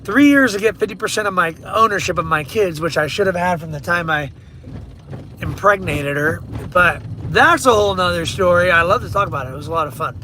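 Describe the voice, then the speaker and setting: A middle-aged man talks bluntly from inside his car, his voice bright and forceful, pitched a little high for a man. He rambles casually through viewer comments as a livestream host, with the hum of the vehicle behind him. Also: lively intonation, a little fast. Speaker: real estate agent. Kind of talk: casual livestream chat while driving.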